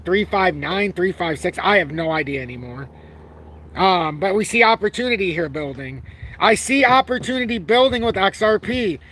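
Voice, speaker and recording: A forty-year-old man hosts a casual crypto channel live stream in a high, sharp voice. He's brash and rambling, swears casually, and talks about himself while constantly correcting himself.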